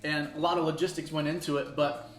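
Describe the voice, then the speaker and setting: A man's voice: on the high side, little pitch movement, quick pace. A man in his thirties, a campus pastor, telling stories casually in an interview and laughing at himself. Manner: storytelling, laughs often, self-deprecating. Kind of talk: casual interview over food. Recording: echoey room with faint music.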